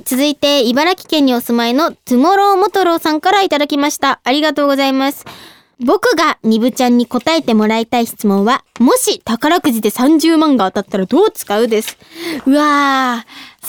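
A young woman hosting a casual radio talk show, reading listener mail with a bubbly, giggly, animated manner. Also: high voice, brisk, no echo. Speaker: idol radio host.

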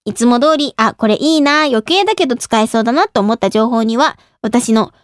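A woman's voice: fairly high pitch, a little fast, clear, resonant tone, no echo, studio quality. A woman in her twenties hosting a radio show in casual, giggly talk, often laughing at herself. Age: 20s. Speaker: radio show host and idol.

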